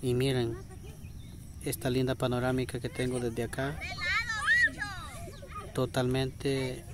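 A man narrating a casual outdoor vlog in drawn-out phrases with pauses, recorded on a handheld phone. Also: mid-range voice, monotone, very noisy. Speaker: vlog host. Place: open grassy hillside, outdoors.

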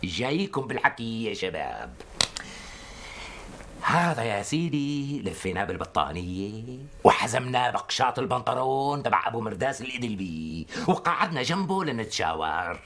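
A man's voice: medium pitch, moderate pace, slight background noise. A man with a Syrian Arabic accent, playing a boastful village liar who tells tall tales and pleads with his friends. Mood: storytelling. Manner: animated, pleading, lively storytelling. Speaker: storyteller among village men. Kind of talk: TV comedy sketch acting.

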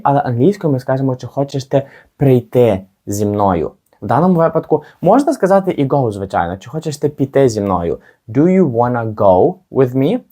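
A man teaching a spoken language lesson, modelling practice phrases slowly and deliberately. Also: mid-range voice, mellow. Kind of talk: scripted lesson narration.

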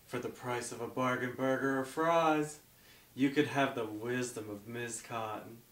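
Man playing a slow, grandiose drag diva infomercial hostess. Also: mid-range voice, steady tone, fairly bright tone, distant mic, lightly acted. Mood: selling, sugary. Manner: grandiose, coy, theatrical. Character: sugary self-proclaimed mystical drag diva pitching her app. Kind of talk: parody hard sell infomercial pitch. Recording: echoey room, off the mic.

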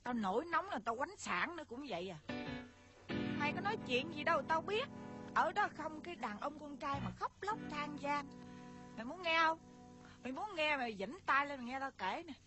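A high, bossy older aunt , played by a woman, in a comic folk-opera skit. She scolds her nephew and sings of an old romance over loud stage music. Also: animated, fairly quick. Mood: bossy scolding. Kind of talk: comic folk-opera acting with sung verses.

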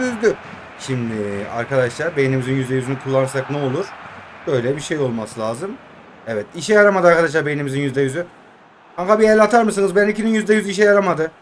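Young male gaming streamer, 20s, high-ish voice, excitable joking play-by-play, faint background hiss. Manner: excitable joking play-by-play, addresses viewers as friends. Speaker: mobile game streamer. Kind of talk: casual gameplay commentary.

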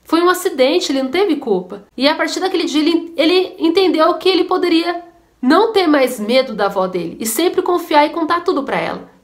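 A woman's voice: sits high, animated, fairly quick. A woman telling a story and preaching earnestly in a devotional video. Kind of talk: devotional sermon-style storytelling.

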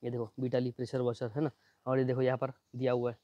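A man doing a fast, chatty unboxing demo, pointing things out again and again as he shows each part. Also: mid-range voice, completely flat delivery, dry recording, dull audio. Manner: fast, chatty, repeats "ye dekho" constantly. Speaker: product reviewer. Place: at home near a building site.

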